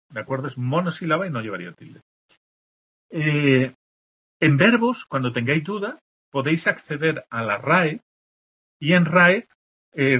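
A man from teaches a spelling lesson, sounding out example words and asking "¿de acuerdo?" after nearly every point. His voice is bright and a little husky, with a pitch that leaps up and down as he stresses the words. The recording is dull and lo-fi. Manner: explains patiently, checks in with constant "¿de acuerdo?". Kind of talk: spelling lesson explaining accent marks.

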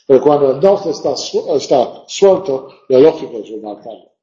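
A man's voice: mid-range voice, sing-song, moderate pace, warm tone, reverberant. A male teacher giving a classroom lecture, thinking aloud and reciting verse lines with stressed beats. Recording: dull lo-fi classroom recording.

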